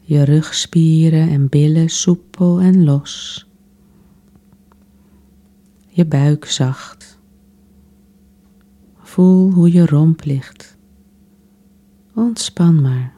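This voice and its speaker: A woman softly guiding a relaxation exercise in a soothing, unhurried way, with long pauses between phrases. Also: low-pitched. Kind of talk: guided relaxation meditation.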